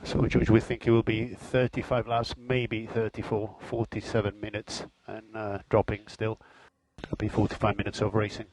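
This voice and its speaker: A man's voice: fairly low pitch, monotone, normal speed, crowd noise. A man working as a race engineer, giving terse spotter-style calls to a driver over team radio, repeating key instructions. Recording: noisy team radio with vehicle noise.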